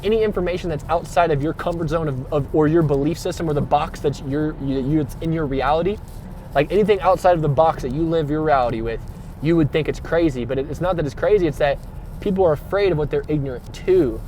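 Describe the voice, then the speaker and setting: A fast-talking man with a fairly high pitch and dark tone gives a meandering spiritual vlog. Slangy and emphatic, he swears freely, circles back on himself and poses rhetorical questions, over slight background noise.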